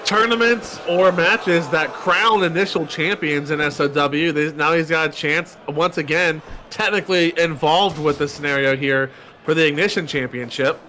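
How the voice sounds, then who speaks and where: High-pitched play-by-play man, noisy mic. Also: moderate pace, pushed and bright. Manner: counts pinfalls aloud, chatty asides. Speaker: wrestling play-by-play commentator and news host. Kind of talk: play-by-play commentary.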